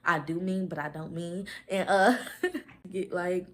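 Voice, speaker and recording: Young woman, twenties, lowish voice, casual vlog chat, fast rambling, filler-heavy. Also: steady tone, a bit bright, slight background noise. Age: 20s. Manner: fast rambling talk, stumbles over words; many "like" fillers. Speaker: vlogger.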